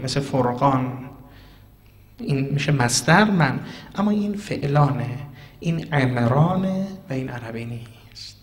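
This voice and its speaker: A man delivering a sermon on scripture, his voice at an ordinary middle pitch. He shifts from forceful, raised declamation to quiet, near-whispered asides. A long reverb trails behind him, as in a large hall. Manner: swings from loud emphatic declaiming to hushed asides. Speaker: preacher.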